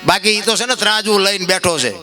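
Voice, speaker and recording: High, bright rustic storyteller man. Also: fast, faint music behind. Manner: rustic, preachy, swings between loud outbursts and soft asides. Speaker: folk storyteller and speaker. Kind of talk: Gujarati folk discourse to a live audience.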